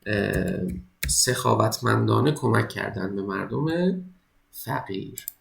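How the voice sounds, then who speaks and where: A man teaching an English exam-prep lesson, reading each English sentence slowly and then explaining it in Persian. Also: fairly low pitch, gravelly, reverberant, poor audio.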